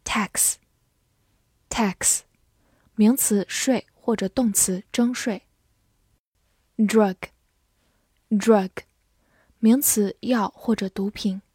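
Slow, mellow woman teaching vocabulary. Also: mid-range voice, steady tone, slightly rough, dry recording, clean studio sound. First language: Chinese. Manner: says each English word twice slowly, then gives Chinese meanings. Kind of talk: scripted vocabulary lesson.

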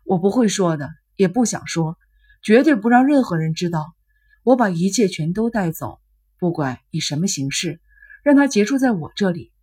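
A guilt-ridden young man speaks in a flat, subdued way, as a woman reading a novel puts him on. The voice is husky and breathy. He sounds withdrawn and weary. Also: mid-range voice, normal speed. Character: troubled young man on the phone, remorseful, withdrawn.

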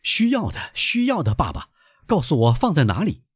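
A man's voice: fairly high pitch, wildly swooping pitch, normal speed, husky, dry recording, clean studio sound, pitched above the performer's own voice, full character voice. A man reading an audiobook, voicing an earnest young sailor son who is devoted to his father, with an emphatic, pleading manner.

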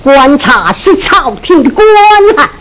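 A man's voice: very high voice, very animated, unhurried, a bit bright, exaggerated voice. A man playing a proud poor young scholar in an opera, firing back indignant retorts. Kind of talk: Sichuan opera stage acting.

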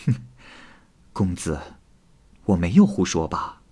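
A man voicing a devoted fox spirit woman who scolds in a soft, hushed way. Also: fairly low pitch, lively intonation, a little slow, breathy edge, full character voice. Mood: sorrowful.

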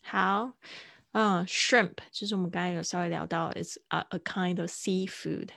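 A woman teaching English words in a casual live-streamed lesson, chatting and repeating each word slowly to model how it sounds. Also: lowish voice, fairly even intonation, creaky, a bit bright, dry recording, studio quality. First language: Mandarin.

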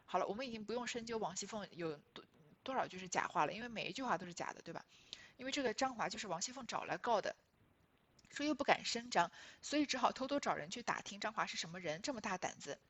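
A woman giving relaxed, conversational commentary on a classic novel, often checking in with listeners. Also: medium pitch, fast talker, slightly rough. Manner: conversational, asks listeners "right?". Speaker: literature explainer.

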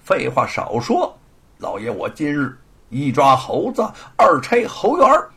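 A gloating male villain of an old-style spoken tale, acted by a man. He blusters and cackles, his raspy voice jumping high and wildly up and down. Every threat comes out with sneering relish. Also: wildly swooping pitch, unhurried, pushed and bright, full character voice. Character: gloating cruel middle-aged male local tyrant.

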